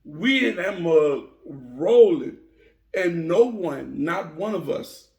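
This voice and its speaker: A man tells a story in a casual, animated way and keeps repeating himself. His voice sits high with a gravelly edge, and he takes his time. The room sounds echoey. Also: slow.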